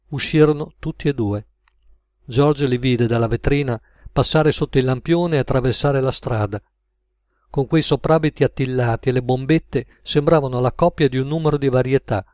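A man narrating an audiobook in a measured, even manner. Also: mid-range voice, no room sound. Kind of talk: audiobook reading.

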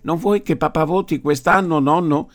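An eager little girl full of questions, as a male reader puts her on in an audiobook. Her voice sits higher and lively, with a pressing curiosity. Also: normal speed, no room sound, close to an everyday voice. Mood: curious. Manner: eager, questioning, raised pitch. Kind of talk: audiobook character voice.

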